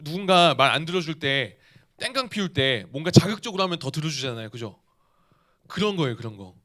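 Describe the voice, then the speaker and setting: A young male youth pastor preaches with a high, bright voice that jumps around in pitch. He keeps asking his listeners questions and acts out the quoted lines. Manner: lively, asks the audience questions and acts out quotes. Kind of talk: youth sermon.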